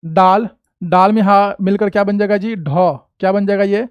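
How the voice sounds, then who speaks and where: A man with an Indian Hindi accent teaching an Urdu class, patiently asking questions and answering them himself, saying each sound slowly. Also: high-pitched, flat delivery, smooth, dry recording, lo-fi sound. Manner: patient, asks and answers his own questions. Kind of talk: classroom lesson.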